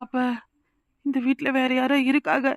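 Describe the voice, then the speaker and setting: A woman voicing a frightened young village wife in a cartoon, with a Kanyakumari Tamil accent and a rapid, insistent manner. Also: high-pitched, completely flat delivery, no room sound, clean studio sound. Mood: urgent. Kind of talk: cartoon voice acting.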